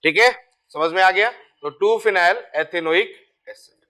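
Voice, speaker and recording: A man's voice: sits high, a little slow, bright, forceful tone. A man teaching chemistry, talking casually and repeating key terms while checking that students follow. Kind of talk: board lecture.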